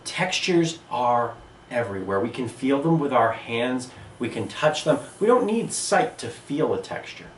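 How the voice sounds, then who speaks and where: Speaking at a measured pace in a mid-range voice, a male art teacher explains things with animated enthusiasm in a video lesson. The indoor room has a table and sandstone wall, the distant mic picks up a roomy sound, and there's slight background noise.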